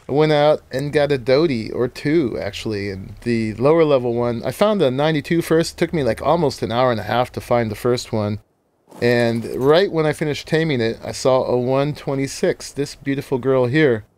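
A man's voice: medium pitch, moderate pace, darkish tone. A man hosting a game let's-play, talking casually through his gameplay, laughing often and explaining as he goes.

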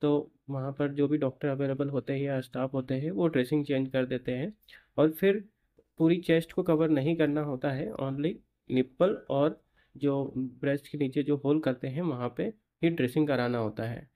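Speaking to the camera from a clinic room, a young man who works as a clinic doctor walks steadily through how a patient's surgery turned out, pausing with fillers. He has a mid-range, dark-toned voice.

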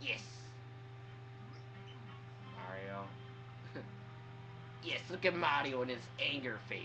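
A man giving let's play commentary, excitable, trash-talking the enemies on screen and breaking into shouts and laughs. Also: medium pitch, slow pace. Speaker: gamer playing through a platform game. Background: faint game music.

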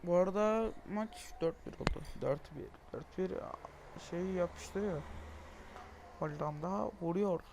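A young man giving frustrated gameplay commentary, swearing, groaning and shouting in exasperation as he plays. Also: sits high, slow pace, creaky, slight background noise. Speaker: gaming video creator.

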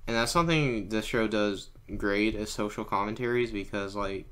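A man's voice: fairly low pitch, normal speed, clear, resonant tone. A young man hosting a casual cartoon rewatch podcast, talking loosely with lots of fillers and leading the grading. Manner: relaxed, filler-heavy, leads the grading. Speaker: podcast host. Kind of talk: casual chat.

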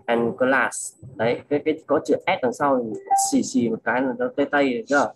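A young man casually tutoring a classmate, repeating words and slowly modelling pronunciation. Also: mid-range voice, very animated, creaky, poor audio. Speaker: student coaching a classmate.

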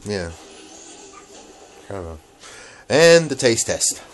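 A middle-aged man giving a casual, low-key snack review in a matter-of-fact way, recorded on a handheld camera at home. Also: very animated, takes it slowly, slight background noise. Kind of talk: casual food review vlog. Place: small room at home, indoors. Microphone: handheld camera at close range.

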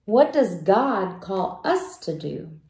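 A woman reading a children's picture book aloud in a slow, gentle way, stopping to ask young listeners questions. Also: mid-range voice, sing-song. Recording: roomy echo.

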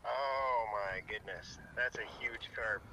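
A man heard over a phone on speakerphone in a casual chat, upbeat and quick to laugh, answering in short friendly replies. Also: medium pitch, bright, forceful tone, rough recording. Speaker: person called on the phone.

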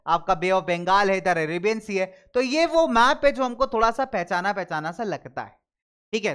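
Casting: male teacher for an online class, animated, tells everyday examples, checks in with students. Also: high voice, clear, resonant tone. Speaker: school teacher.

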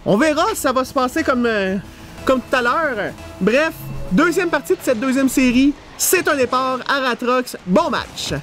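A man's voice: very high voice, expressive, normal speed, fairly bright tone, soft background music. A man with a Quebec French accent analysing an esports match, piecing his phrases together hesitantly.

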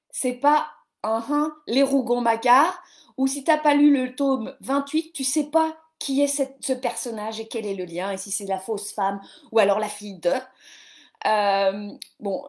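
A woman's voice: fairly high pitch, darkish tone. A woman in her forties, a yoga teacher, chatting casually on a live stream about reading, self-mocking and full of restarts and fillers. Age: 40s. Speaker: yoga teacher and podcast host. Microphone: computer or phone camera on a live stream.

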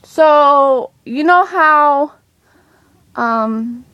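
A woman's voice: high-pitched, extremely slow, dry recording, muffled recording. Gushing, rambling young woman vlogger. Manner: excitable, gushing, rambling with many ums. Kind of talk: casual chatty vlog. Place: home.

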